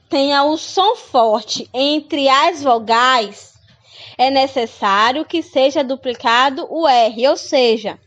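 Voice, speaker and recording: Slow, high-voiced woman teaching phonics. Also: dull audio. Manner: slow, patient, repeats example words; asks pupils questions, calls them dear. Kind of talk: children's phonics lesson.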